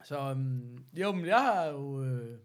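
A man's voice: mid-range voice, expressive. A man with a Danish accent hosting a casual podcast chat in a jokey, teasing and mildly sweary way. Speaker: podcast host.

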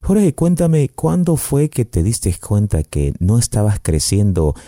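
Man, radio host, deep mellow voice, lively intonation, scripted announcer delivery. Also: measured pace, no echo, clean studio sound. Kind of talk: radio interview hosting.

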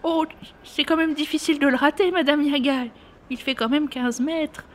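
A woman voicing a good-humoured grandmotherly Mrs Claus who answers with gentle, amused teasing. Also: high voice, fairly even intonation, normal speed, voice pushed up, lightly acted.

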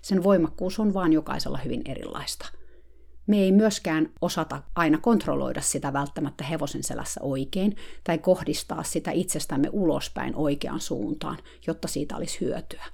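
A woman's voice: low-pitched, vocal fry, warm tone, breathy edge. A woman reading her dated diary entry aloud in a dry, wry, mock-solemn storytelling manner. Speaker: blogger narrating a diary. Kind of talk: read diary narration.

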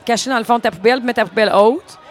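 Chatty Quebec woman, a little high. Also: racing. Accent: Quebec French. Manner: animated storyteller, chatty filler "là". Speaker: podcast co-host. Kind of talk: casual chat.

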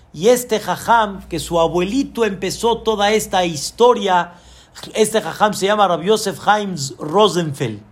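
A man, a rabbi telling a dramatic story in a sermon and voicing the women in it. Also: high-pitched.

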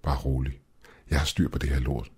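A man's voice: a bass voice, steady tone, a little mellow, slightly rough, heavily acted. A man voicing a tough, defiant young woman who swears and taunts, within a horror story reading. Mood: cocky. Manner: brash and taunting.

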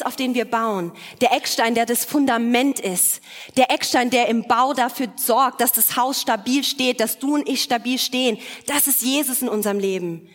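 High-voiced woman preaching in a reverberant hall. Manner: emphatic preaching with repeated phrases and occasional restarts. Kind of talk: sermon.

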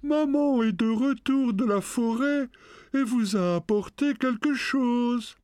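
A man voicing a sly, hungry male wolf who speaks slowly and sweetly to trick young goats. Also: extremely high pitch, darkish tone, clean tone, dry recording, pitched above the performer's own voice. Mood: coaxing. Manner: slow, sweetly coaxing and menacing.

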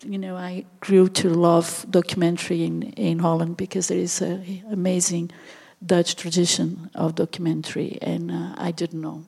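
Brazilian woman with a gravelly, flat voice. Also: lowish voice. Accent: Brazilian Portuguese. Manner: halting, searching for words with many pauses. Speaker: documentary filmmaker, interview guest. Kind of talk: unscripted interview answers.

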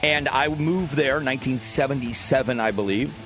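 A man's voice: mid-range voice, fairly quick, over music. A man in his forties from Southwest Florida, hosting a talk radio show and delivering an opinionated monologue in a firm, emphatic, conversational way. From Southwest Florida, USA. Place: radio studio. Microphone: studio microphone.

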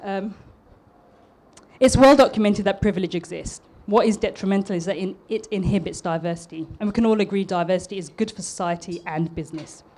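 A woman's voice: mid-range voice, a little fast, darkish tone. Earnest woman with polished English accent. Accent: polished southern English. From East London, England. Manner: earnest, slightly nervous, with small restarts. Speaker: public speaker and architect. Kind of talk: prepared public talk.

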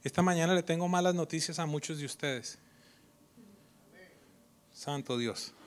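A man preaching a sermon as pastor, swinging from loud, animated delivery to hushed near-whispers and mocking imitations of others. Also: on the high side, a little slow, slight background noise. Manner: acts out quoted voices mockingly.

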